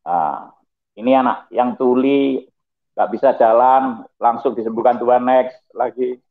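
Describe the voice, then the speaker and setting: A middle-aged man, a pastor giving his testimony in a lively, preachy way with chuckling asides. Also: medium pitch, unhurried, creaky. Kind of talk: testimony talk over slides. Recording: tinny phone-like audio.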